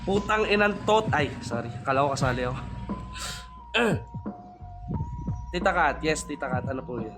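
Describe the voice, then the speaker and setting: A man's voice: on the high side, expressive, moderate pace, long pauses. Easygoing man hosting with music behind. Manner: laid-back, profane, calls everyone pare. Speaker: battle host and MC. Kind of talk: casual hosting over voice chat.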